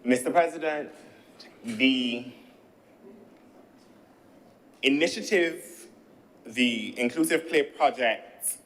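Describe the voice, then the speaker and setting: Captured on poor audio, a medium-pitched man from Barbados, in his thirties, speaks formally as a senator in the legislative chamber. His Barbadian accent comes through as he repeatedly addresses the chair.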